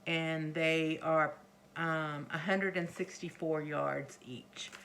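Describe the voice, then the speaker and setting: A middle-aged woman, a crochet vlogger, casually rambles through a show-and-tell to camera, hesitating and often trailing off or correcting herself. She speaks slowly in a low, level, fairly bright voice. Faint background noise and occasional chair creaks are audible.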